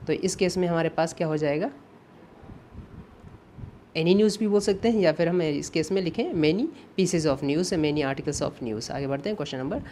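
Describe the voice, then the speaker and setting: A man's voice: on the high side, darkish tone, a little hiss or hum. Patient male English grammar teacher. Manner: patient, repetitive, checks in with "ठीक है" and "है ना"; reads English example sentences slowly and deliberately. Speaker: English teacher for exam prep. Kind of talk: exam-prep grammar lesson.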